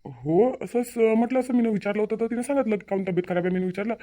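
A woman's voice: mid-range voice, fast talker, mellow, natural voice. A woman voicing a meek young husband in a cartoon, answering hesitantly. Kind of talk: cartoon voice acting.

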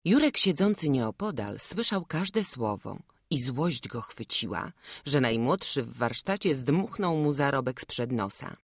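A woman's voice: a bass voice, very animated, measured pace, slightly rough, no room sound, studio quality. Woman reading an old tale. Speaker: audiobook reader. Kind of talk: scripted narration.

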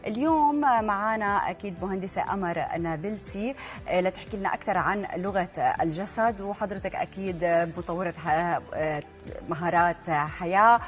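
Woman, TV host, quick and friendly, faint music behind. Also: mid-range voice. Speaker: TV show host. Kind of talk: presenting a TV talk show.

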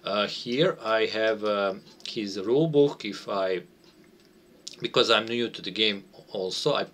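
A man who speaks English as a second language walks through a game he designed, playtesting it casually and without a script in a small room at home. His voice is on the low side, a bit bright and a little slow, and he hesitates as he hunts for words.

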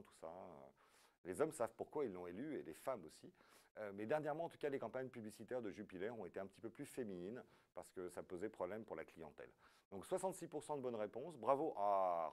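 A man's voice: fairly low pitch, darkish tone. A man hosting a live quiz show, reading questions and scores with playful joking asides.

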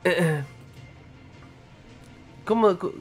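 Argentine man, 30s, casual live streamer, slightly high voice, chatty. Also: drawn-out words, soft background music. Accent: Argentine Spanish. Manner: chatty, greets viewers while playing. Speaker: game streamer. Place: indoor room with purple lighting.

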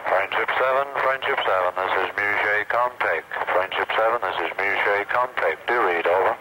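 Low-voiced man calling on crackly military radio. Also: moderate pace. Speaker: capsule communicator at ground station. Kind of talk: repeated formal radio calls. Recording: very noisy crackly 1960s radio link.

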